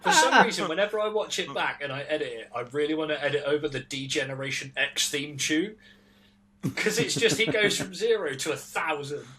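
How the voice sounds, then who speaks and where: A young man banters wryly on a podcast in a fairly high voice. Clear background noise and clicks run under his talk. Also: animated, a little fast, bright, forceful tone. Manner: wry, joking. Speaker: podcast co-host and editor.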